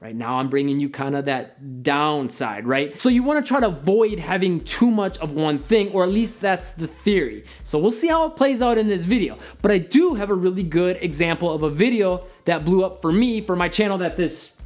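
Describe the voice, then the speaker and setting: A young man hosting a casual video on growing a channel, talking straight to camera and swinging between upbeat and deliberately flat delivery. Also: sits high, soft background music. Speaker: YouTube marketing host. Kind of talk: casual to-camera advice talk.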